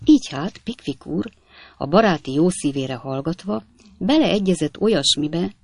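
Gravelly male audiobook narrator. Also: on the high side, no room sound. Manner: measured, even literary reading. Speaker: audiobook reader. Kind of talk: scripted narration of a classic novel.

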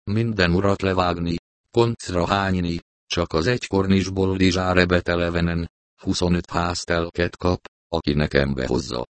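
A man reading the lines of a proud, excitable prince who gives curt orders. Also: sits low, clean tone, no room sound, natural voice. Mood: commanding.

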